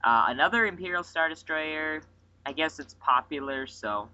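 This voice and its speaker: A man co-hosting a relaxed podcast, his voice bright and sharp in tone. He talks excitedly and often cuts in to correct his friend. The recording is dull and lo-fi. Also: on the high side. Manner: excitable, quick to interrupt and correct. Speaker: podcast co-host. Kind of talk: casual chat about toy sets.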